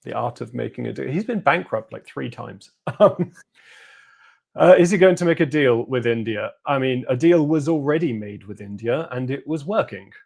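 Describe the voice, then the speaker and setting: A man's voice: medium pitch, lively intonation, moderate pace, gravelly, a little mellow. A man, a guest analyst, giving sardonic, analytical answers in a political discussion interview.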